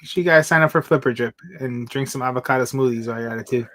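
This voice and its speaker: Man, 40s, stream host; easygoing chat, quick laughs, reads viewer comments aloud. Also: medium pitch, a bit bright. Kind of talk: casual livestream chat.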